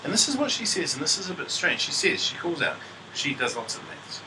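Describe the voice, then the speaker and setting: Lively New teacher, playful. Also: male voice, a little high, brisk, distant mic, background noise. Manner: playful, feigning confusion to prompt pupils. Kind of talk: classroom maths lesson with storytelling. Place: classroom.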